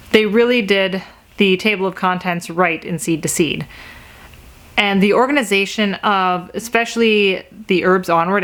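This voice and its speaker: امرأة تراجع كتابًا بصراحة وانزعاج خفيف. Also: female voice, medium pitch, fairly bright tone. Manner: frank, critical, mildly exasperated. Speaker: book reviewer. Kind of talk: casual book review.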